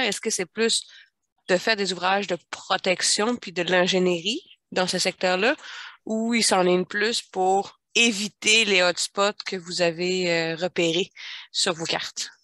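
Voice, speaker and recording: A woman's voice: lowish voice, fairly even intonation, unhurried, sharp tone, dry recording. A woman asking an academic question conversationally, informal and thinking aloud. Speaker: audience questioner.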